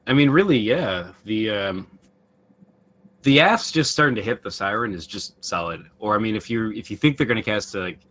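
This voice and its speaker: A man's voice: on the low side, expressive, normal speed, fairly bright tone. A man casually co-commentating a card game, chatty with hesitant fillers.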